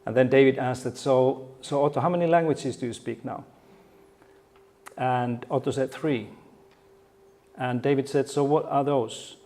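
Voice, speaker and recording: A man's voice: mid-range voice, steady tone, a little slow, pauses often, darkish tone. A middle-aged man from Finland with a Finnish accent, giving a conference keynote in a friendly, joking way with frequent restarts. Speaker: keynote speaker. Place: conference hall.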